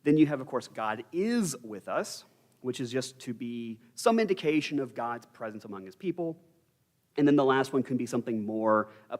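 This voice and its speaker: A man's voice: mid-range voice, a little mellow. A young man teaching an informal Bible study lecture in a church, candid and conversational with wry asides.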